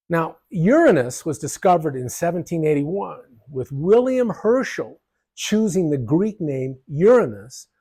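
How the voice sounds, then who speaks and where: A man narrating a history lesson over slides, his voice sitting a little high and swinging widely as he explains. He keeps it light, tossing in jokes and casual asides between points. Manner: lively, jokey explanations with asides. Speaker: history channel presenter.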